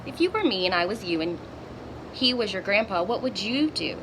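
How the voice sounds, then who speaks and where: A woman's voice: mid-range voice, lively intonation, normal speed, background noise, close to an everyday voice. A woman voicing an earnest, determined second-grade girl in a children's storybook read-aloud. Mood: timid but earnest.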